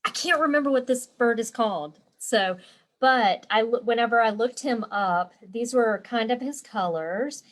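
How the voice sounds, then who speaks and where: A woman's voice: fairly high pitch, moderate pace. Chatty woman teaching a quilting livestream. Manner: rambling and warm, many fillers and restarts. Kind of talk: chatty live tutorial. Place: her home.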